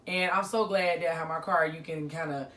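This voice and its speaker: A woman's voice: low-pitched, fairly even intonation, a little fast, a bit bright. A woman co-hosting a casual vlog chat, talking bluntly with slangy jokes. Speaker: co-host of a couple's vlog.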